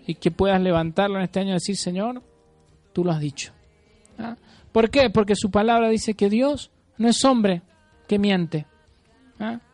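A man's voice: high-pitched, darkish tone, dry recording. A man preaching a sermon, declaring prophetic words with emphasis, often tagging lines with a questioning "ah?" and calling for amens. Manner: emphatic, keeps checking in with a questioning "¿ah?"; leads the congregation in amens and applause. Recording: dry sound with faint music behind.

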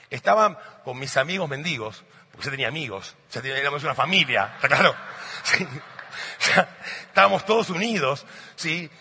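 A middle-aged man from Argentina with an Argentine Spanish accent, a motivational speaker and coach telling animated stories to an audience and often asking "¿sí?". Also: a little high, breathy edge. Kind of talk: storytelling talk to a live audience. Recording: long hall reverb.

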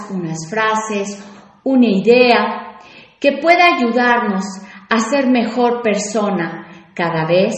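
A woman's voice: a little high, heavy reverb. A woman hosting a radio talk show on personal growth, speaking reflectively and asking her listeners questions.

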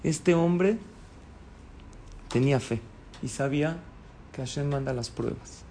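A man's voice: mid-range voice, takes it slowly, warm tone, slight background noise. A man telling a religious moral story, acting out the characters as he goes. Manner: dramatic storytelling, acts out the characters' pleading.

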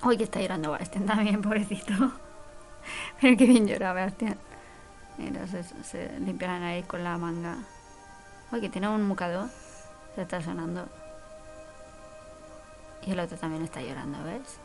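A woman's voice: lowish voice, normal speed, pauses often, a little mellow, soft background music, poor audio. A woman chatting through a film as she watches it, exclamatory, with whispered asides. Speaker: film reaction commentator. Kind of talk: casual commentary while watching a film.

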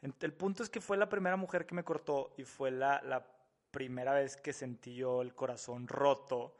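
A man's voice: mid-range voice, steady tone, normal speed. A man in casual chat, easygoing and self-mocking. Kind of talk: casual chat among friends.

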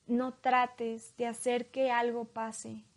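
A woman leading a guided hypnosis in a slow, soothing hypnotist voice, leaving long pauses between phrases. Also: a little high, little pitch movement.

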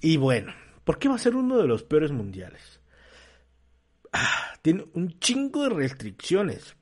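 A man's voice: on the high side, huge pitch swings, a little slow, slightly rough. A man with a Mexican accent gives his opinion in a casual rant, full of slang, swearing and fillers. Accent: Mexican Spanish. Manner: slangy and profane, many fillers. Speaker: commentator.

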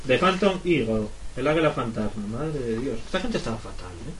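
A man's voice: mid-range voice, expressive, brisk, fairly bright tone, a little hiss or hum, low-quality recording. A man co-hosting a podcast, reading comic entries aloud with amused disbelief in casual banter. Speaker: podcast co-host.

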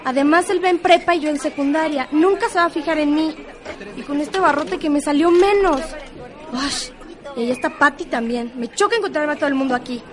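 A woman's voice: high voice, a little fast, crowd noise, lightly acted. A woman playing a shy teenage schoolgirl in an educational radio drama, chatty and full of exclamations. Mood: gossipy. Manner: gossipy, exclamatory "ay". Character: teenage girl Fer, shy about her crush.

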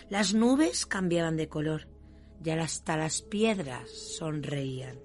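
A woman storyteller reading children's stories aloud in an expressive way and speaking directly to her listeners. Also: fairly low pitch.

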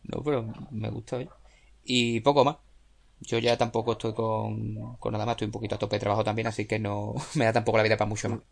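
A man from Spain hosts a relaxed podcast among friends. His voice has a gravelly, fried edge, and he talks easily, joking along before running through the show's plugs. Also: fairly low pitch, fast talker. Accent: Spain Spanish. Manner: laid-back, joking, wraps up with show plugs. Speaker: podcast host. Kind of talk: casual chat among friends.

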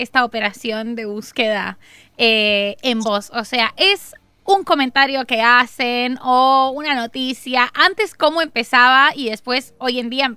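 A woman's voice: a little high, pushed and bright, clear, resonant tone, no room sound. A woman with a Colombian accent, co-hosting a casual chat and asking curious, layered questions. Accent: Colombian Spanish. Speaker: co-host.

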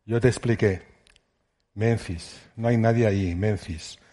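A man with a low, mellow voice reads a literary passage aloud in a measured way. He gives the shouted words in the story some life. It is recorded at an auditorium event. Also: fairly even intonation. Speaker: reader of a novel excerpt.

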